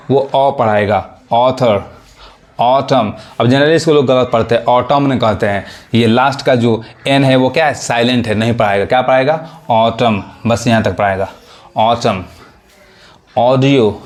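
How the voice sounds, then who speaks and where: A man teaching English pronunciation rules in Hindi, repeating his points and often checking whether his listeners understand. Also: mid-range voice. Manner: repetitive teaching, asks "samajh mein aa raha hai?". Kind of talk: classroom explanation.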